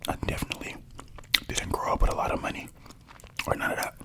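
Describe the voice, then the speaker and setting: Whispering ASMR eater, very close mic. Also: quick pace. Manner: soft rambling whisper with crunching and chewing sounds. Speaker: ASMR eating vlogger. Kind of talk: whispered ASMR eating chat. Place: at home.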